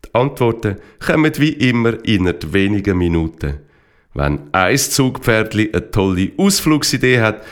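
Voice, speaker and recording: Slow, lively storyteller man. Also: fairly low pitch. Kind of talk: children's story narration.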